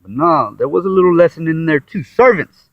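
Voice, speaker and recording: Fast and expressive, a tired man with a slightly high voice gives a casual, meandering Bible talk as a self-taught commentator, full of sighs, restarts and acted-out quotes. The recording is dry, dull, muffled and lo-fi.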